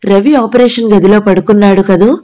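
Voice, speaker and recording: A woman plays a kindly older gentleman in an audio novel. He sounds gentle and reassuring, with a mellow tone. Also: mid-range voice, steady tone, normal speed, natural voice.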